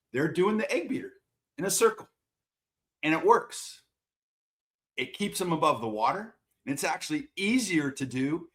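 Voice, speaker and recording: A man's voice: a little high, a bit bright. A man who coaches swimming and water polo, answering interview questions in a plain-spoken, self-deprecating way and repeating words as he gathers his thoughts.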